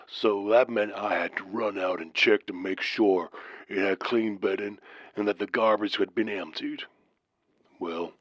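A man doing a deep-voiced southern trucker. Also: no echo, highs cut off. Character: Randy, a man in his thirties, a gruff, deep-voiced southern trucker telling a tale. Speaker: caller in a story. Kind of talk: storytelling narration.

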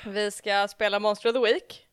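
A woman's voice: mid-range voice, fairly even intonation, clean tone, no room sound, clean studio sound. A woman hosting a podcast, opening the episode casually, laughing often and mixing in English words. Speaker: podcast host.

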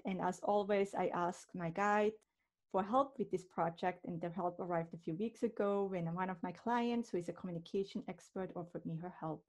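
A woman's voice: medium pitch, darkish tone. A woman from Switzerland hosting a podcast, telling stories in an earnest, reflective way. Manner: earnest, reflective storytelling with restarts. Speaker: podcast host, medium. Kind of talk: casual podcast talk.

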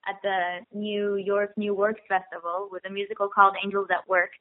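A woman's voice: mid-range voice, flat delivery, moderate pace. A young woman, heard over a telephone line as an interview guest, talking eagerly and often repeating words for emphasis. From Israel. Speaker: guest actress. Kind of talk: phone interview. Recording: tinny phone line.

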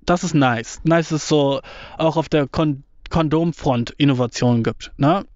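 A young man with a slightly mellow voice on the high side vlogs casually in a windy field, speaking at a measured pace. He rambles in slang with plenty of swearing and English words, recorded on a mobile phone setup. The audio is dull and lo-fi, with no echo.

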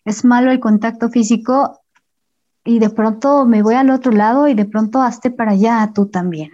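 Guest, woman, gentle and encouraging, warm voice, muffled lo-fi sound. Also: a little high, moderate pace. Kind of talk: casual conversation. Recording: dull lo-fi sound.

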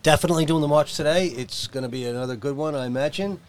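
Blunt Australian man, slightly high voice. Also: fast. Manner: blunt, colloquial. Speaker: podcast panellist. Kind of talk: casual chat.

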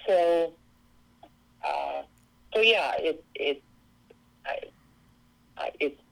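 Gravelly-voiced woman, earnest interview guest. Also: deep voice, animated, drawn-out words, poor audio. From Seattle, USA. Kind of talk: interview conversation.

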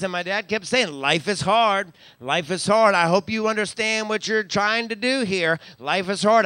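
An American male pastor with a high, bright, smooth voice preaches a live sermon in a church sanctuary during a service. He fills it with hallelujahs and call-outs to the congregation, repeating phrases for emphasis and building to raised climaxes. There is no echo.

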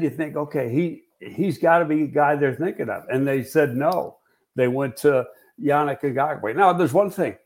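A man's voice: mid-range voice, darkish tone. A man hosting a football talk show, giving frank, analytical opinions in a casual conversational way with frequent fillers and restarts.

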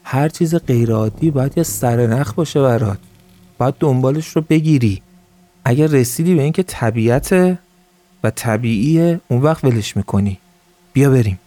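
A man voicing a calm, stern older police colonel who gives measured, firm commands. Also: mid-range voice, lightly acted.

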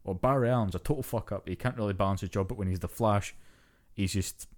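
A man's voice: lowish voice, fast talker. A young man co-hosting a podcast, ranting casually and swearing freely as he chats. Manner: profane, ranting, animated. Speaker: podcast co-host. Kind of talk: casual chat.

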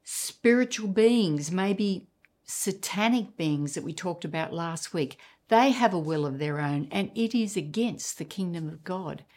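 Slow, low-voiced woman preaching a sermon. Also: animated, darkish tone. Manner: emphatic, with dramatic pauses and repeated words.

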